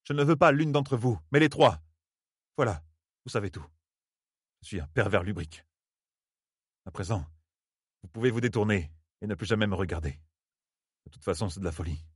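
A man's voice: fairly low pitch, animated, normal speed, long pauses, slightly rough, dry recording, studio quality. A man voicing a stern, tormented young man in an audiobook, with a hard, heavy delivery. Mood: confessing.

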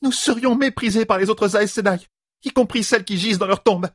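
An outraged woman denounces a proposal in a shrill, indignant voice, as a male narrator plays her. It sits far above his natural pitch, husky and slightly set back from the mic. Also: fairly quick, fairly bright tone, no echo, studio quality.

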